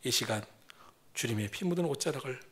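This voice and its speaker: A man preaching a sermon as senior pastor, rising to loud proclamations and dropping to hushed, near-whispered lines. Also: mid-range voice, expressive, brisk.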